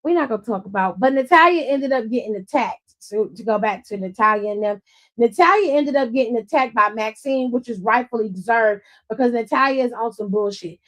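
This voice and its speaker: Woman host with a high voice, blunt and sassy, swearing and laughing through a casual recap. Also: expressive, brisk, a bit bright. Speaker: host of a wrestling after-show. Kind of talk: casual livestream recap chat.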